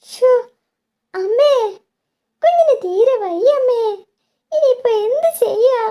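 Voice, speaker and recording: Fretful, soothing young mother, voiced by a woman; high, slow delivery. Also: highs cut off, full character voice. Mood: worried. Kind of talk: doll story voice acting.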